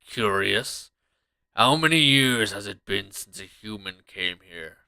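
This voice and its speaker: Guy putting on a menacing old guardian monster for a game, slow and lowish, forceful edge. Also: expressive, creaky, smooth, no echo, exaggerated voice. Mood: haughty menace. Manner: slow, imperious, theatrical. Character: ancient, menacing male magical guardian beast, haughty. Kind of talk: reading game dialogue in character.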